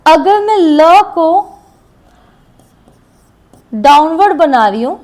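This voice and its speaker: A woman with a high, light voice gives a shorthand class. She talks slowly and patiently and repeats each example word while she writes. The faint scratch of a pen on paper can be heard under her voice. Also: animated, a little mellow. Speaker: shorthand teacher. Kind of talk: classroom lesson explaining shorthand strokes.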